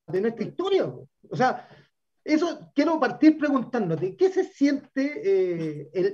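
A man's voice: sits high, a little mellow. A man with a Chilean accent, co-hosting a podcast, questioning his guest earnestly and insistently. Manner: earnest, insistent, repeats his words when starting a point. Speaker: podcast co-host. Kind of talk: casual interview. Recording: dull lo-fi sound.

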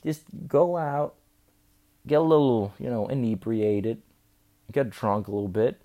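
This young vlogger, drunk and slurring, wanders through a chatty, profane tale in a loose manner. His voice is mid-range and a little slow, and the audio sounds narrow and tinny.

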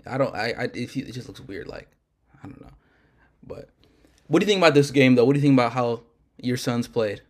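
A man's voice: medium pitch, animated, brisk. A man co-hosting a casual sports podcast, rambling and correcting himself as he talks. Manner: loose, rambling, self-correcting. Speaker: podcast co-host.

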